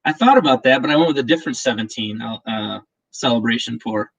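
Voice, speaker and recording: A man's voice: mid-range voice, fast talker, gravelly, husky, low-quality recording. A man hosting a casual livestream, talking in a chatty, rambling way with many restarts. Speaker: livestream host. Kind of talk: casual chat.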